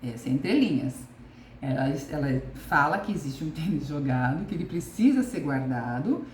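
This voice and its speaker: A woman communication coach with a Brazilian Portuguese accent gives a casual video lesson, reflective and repeating her key questions. Her voice is deep, animated and a little mellow at normal speed. The room is echoey with faint ambience and slight background noise.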